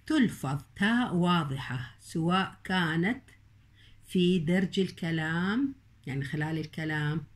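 Teacher, woman, lowish voice, patient repetition of examples. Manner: slow, deliberate, repeats example words. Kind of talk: recorded online grammar lesson.

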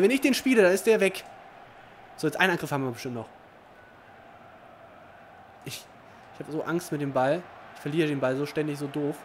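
A man commentating his own football video game match, excitable, swinging from low muttering to shouting. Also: a little hiss or hum. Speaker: gaming commentator. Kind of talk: live Let's Play commentary.

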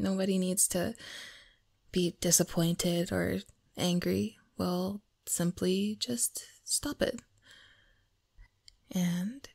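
Performing heavily acted ASMR roleplay, a female voice actor portrays a flirty, teasing best friend who coaxes confidently, yet with a gentle, reassuring mood. Her medium pitch comes out breathy, soft, and often almost whispered, slow and intimate with many soft giggles. Studio quality, no echo.

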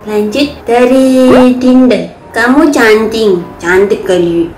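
A young woman with a Javanese accent, talking slowly in a somewhat high, cutesy voice. She reads out comments and answers them in a chatty, slightly defensive way. The voice sounds echoey, with faint music playing behind it. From Central Java, Indonesia. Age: 20s. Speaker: vlogger. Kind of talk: casual chat reading comments.

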